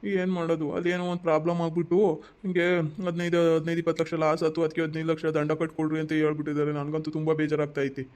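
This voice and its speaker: A man's voice: fairly high pitch, monotone, quick pace, darkish tone, close to an everyday voice. An actor playing a dejected man who just lost his job, gloomy and resigned. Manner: gloomy, resigned, repeating himself. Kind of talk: amateur family drama skit.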